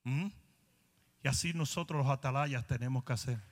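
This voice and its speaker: A man's voice: mid-range voice, moderate pace, in a large hall, a little hiss or hum. A man pastor preaching a sermon in a challenging, confrontational way.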